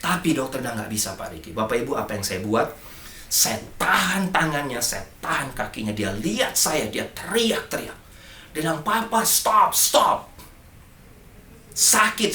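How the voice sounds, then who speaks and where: A man's voice: fairly low pitch, pushed and bright, a little hiss or hum. A middle-aged man preaching a sermon as pastor, emphatic and speaking directly to the congregation. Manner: emphatic, addresses congregation often. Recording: echoey church hall.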